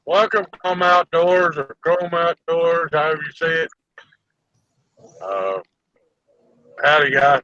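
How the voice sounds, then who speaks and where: A man's voice: fairly high pitch, slow, long pauses, bright, forceful tone, dry recording. A man, chatting on a livestream in a joking drawl and greeting viewers. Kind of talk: casual livestream chat. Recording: dull dry lo-fi mic.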